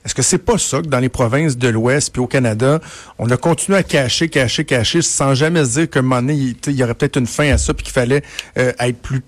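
A Québécois radio host with a medium-pitched man's voice, asking questions in a loose, chatty way. His sentences wander and circle back. He is recorded close and dry. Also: fast, dry recording. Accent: Québécois French. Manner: conversational, many fillers and restarts. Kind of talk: radio interview.

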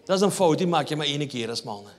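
High-voiced Flemish man doing stand-up. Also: animated, rapid-fire. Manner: wry, storytelling, addresses the audience. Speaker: stand-up comedian. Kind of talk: stand-up routine. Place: theatre hall on stage. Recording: reverberant live hall.

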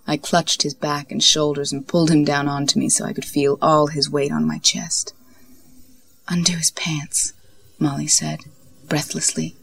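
A woman reads an intimate story in a slow, breathy manner that drops close to a whisper. Her voice sits low and husky, with a gravelly fry. Her delivery stays flat and even. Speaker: story narrator. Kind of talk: intimate scripted story reading.

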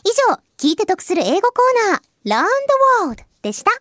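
This radio host and voice actress from Hiroshima has an extremely high, sing-song voice, and she reads listener mail on her solo show in a bright, friendly, cheerful way. Her English carries a Japanese accent and comes out slowly and carefully, while her Japanese is brisk. She's recorded on a close studio mic.

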